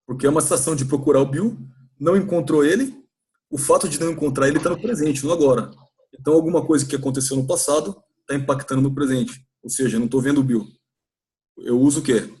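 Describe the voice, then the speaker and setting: In a church classroom, a man with a Brazilian Portuguese accent teaches an English lesson, slowly drawing out model phrases so students can repeat them. His voice is slightly high and somewhat mellow.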